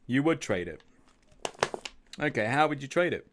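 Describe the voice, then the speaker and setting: Very animated and a bit bright, this medium-pitched male voice moves at normal speed. He's a trading group host walking through charts live, chatty and thinking aloud, with restarts, repeated words and questions asking viewers what they think.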